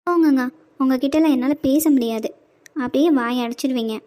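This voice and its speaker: A woman's voice: high voice, fairly quick, warm tone, lightly acted. A woman voicing a shy, teasing young wife in a cartoon, playful and coy.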